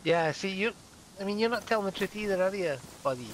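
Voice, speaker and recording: A man's voice: sits high, expressive, quick pace, slight background noise, low-quality recording. A man with a heavy Scottish accent chatting casually as an online game player, often repeating his phrases, over game voice chat. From Scotland.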